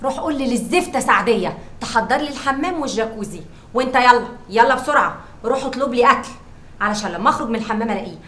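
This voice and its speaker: A bossy woman barking orders, her voice high, bright and quick in Egyptian Arabic. She sounds shrill and commanding. The room gives back a clear echo. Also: expressive. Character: bossy woman playing mistress of the house. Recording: roomy echoey set.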